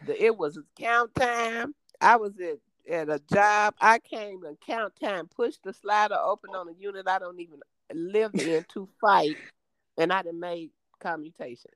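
A middle-aged woman telling her life story in conversation, emphatic and lively, acting out the voices of others. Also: medium pitch, a little slow, no echo, rough recording.

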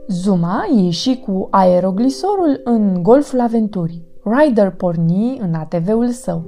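Lady reading a kids' storybook on her channel, sing-song and expressive, mellow voice, faint music behind. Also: medium pitch.

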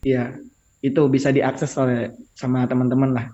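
A young man in a loose, playful podcast chat, laughing easily as he talks. His voice is mellow and warm with a middle pitch, and the recording sounds dull and slightly lo-fi. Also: flat delivery, normal speed. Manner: chatty, laughs often, playful. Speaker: guest.

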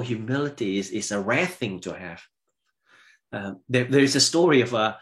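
A man preaching a sermon in a lively, animated way, often repeating and restarting words. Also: medium pitch. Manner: lively preaching, rising loud when voicing scripture questions. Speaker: pastor.

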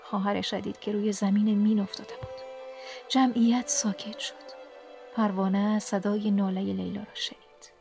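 A woman hosting a book podcast, reading a story aloud in an expressive way and sinking to a whisper in sad parts. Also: medium pitch, vocal fry, soft background music. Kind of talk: scripted audiobook narration.

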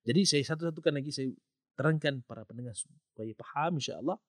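A man's voice: mid-range voice, brisk, dry recording, clean studio sound. A man with a Malaysian accent hosting a podcast lesson on tajwid, patiently repeating himself and sounding out Arabic letters. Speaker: tajwid teacher, podcast host.

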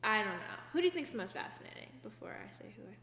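A young woman co-hosts a casual podcast, chatting in a rambling way and filling her sentences with "like". Her voice sits at an ordinary pitch. It rings out in a reverberant room with a long echo and a faint hum. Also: big pitch swings, racing, fairly bright tone. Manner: chatty, many fillers, rambling retellings. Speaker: podcast co-host. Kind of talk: casual chat.

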